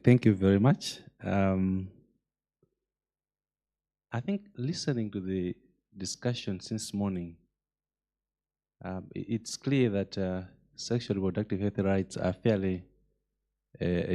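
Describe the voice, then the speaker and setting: A man who is a judge, answering a panel question in a measured, hesitant way. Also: low voice, warm tone.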